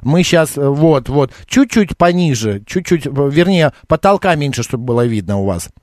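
Higher-pitched man hosting casual radio. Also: lively intonation, normal speed, a little mellow, no room sound, studio quality. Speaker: radio host. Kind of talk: casual live radio chat. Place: radio studio.

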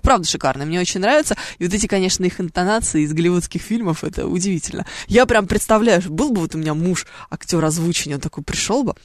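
A woman's voice: medium pitch, dry recording. A woman hosting a live call-in radio show, chatting playfully and reading listener messages. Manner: chatty, playful, thinks aloud with fillers. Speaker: radio traffic show host. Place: radio studio. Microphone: studio microphone.

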